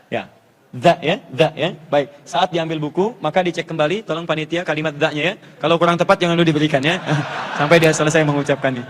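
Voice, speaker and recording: A man's voice: on the high side, steady tone, fast talker. A man preaching at a live question session, teaching pronunciation with playful repeated drills. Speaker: Islamic preacher answering audience questions. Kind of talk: live Q&A lecture with audience demonstration. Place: large lecture hall with audience. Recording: long hall reverb.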